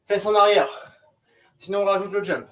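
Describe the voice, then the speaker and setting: High-pitched male fitness coach giving commanding cues. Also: moderate pace, fairly bright tone. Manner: short, commanding, encouraging cues. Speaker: fitness coach leading a group workout. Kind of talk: instructional workout cueing. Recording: distant mic, noisy background, clicks.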